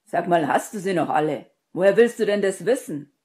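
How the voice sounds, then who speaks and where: A woman reading an audiobook and voicing a hot-headed young man in a loud, blunt, exasperated manner. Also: lowish voice, lively intonation, fairly quick, voice pushed up, close to an everyday voice.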